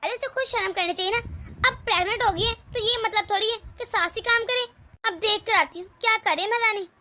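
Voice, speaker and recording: A woman's voice: very high voice, quick pace, bright, forceful tone. A taunting, scolding cartoon mother-in-law, voiced by a woman. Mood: grumbling. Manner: taunting, sarcastic. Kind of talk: cartoon voice acting.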